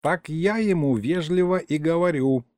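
A man voicing a grumpy, boastful old grandfather who tells stories in a drawn-out, sing-song folksy way. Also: a little high, a little mellow, no room sound, clean studio sound, voice pushed up, close to an everyday voice. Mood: indignant. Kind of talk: audiobook character voice.

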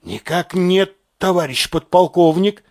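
A man's voice: high voice, measured pace, darkish tone, no echo, clean studio sound. A man voicing a nervous young army sergeant who gets words out hesitantly, reading an audiobook. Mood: strained. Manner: hesitant, stammering.

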